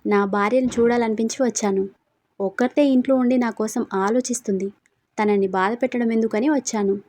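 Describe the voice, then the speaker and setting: A woman voicing a teasing, stubborn young husband who talks loudly and presses his point. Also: a little high, fairly even intonation, brisk, no room sound, natural voice. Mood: pleading.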